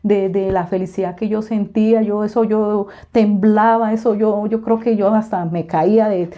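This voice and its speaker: A woman's voice: medium pitch, fairly even intonation, normal speed, dark tone, lo-fi sound. A woman giving a fervent religious testimony to a congregation, repeating herself often and calling her listeners brothers.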